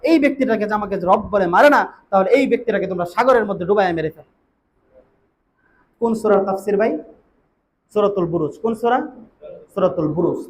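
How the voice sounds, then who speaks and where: A man with a high, ringing voice delivers a storytelling sermon, slipping into sing-song chanting and sudden loud calls to his listeners. Faint ambient sound sits behind him. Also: fast, pauses often, a little hiss or hum. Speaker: preacher. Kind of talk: Bengali waz sermon storytelling.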